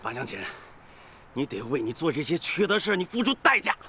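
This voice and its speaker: A sharp, blazing-bright furious man, shouting threats, swinging all over in pitch. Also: big pitch swings, fairly quick, slight background noise, heavily acted. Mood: enraged. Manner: shouting, enraged.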